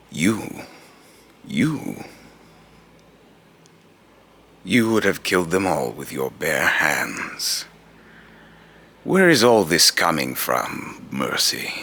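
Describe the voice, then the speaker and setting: A man performs rehearsed lines as a menacing god of fear from a video game, using an extremely low voice that is also pushed, bright and exaggerated. He speaks slowly with a gravelly creak, sounding pompous, scornful and taunting in a theatrical, grandiose delivery.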